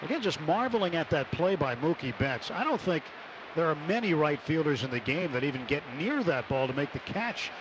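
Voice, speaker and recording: A man with a somewhat high voice calls baseball play-by-play on live radio from a stadium broadcast booth, sounding like a ballpark broadcast. He stays measured between plays and gets excited on the big ones. The audio has its highs cut off and a noisy background.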